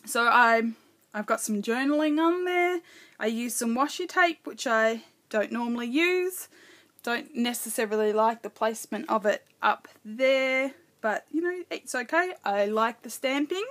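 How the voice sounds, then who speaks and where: A woman's voice: on the high side, lively intonation, a little slow, fairly bright tone. A middle-aged woman casually narrating her scrapbooking as she works, thinking aloud and correcting herself as she goes. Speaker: craft video host.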